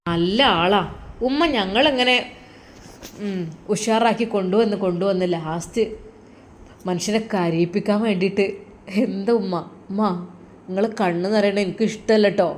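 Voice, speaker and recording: A woman's voice: mid-range voice, moderate pace, long pauses, slight background noise, lightly acted. A woman voicing a caring adult son who earnestly comforts his mother in a Malappuram Malayalam accent.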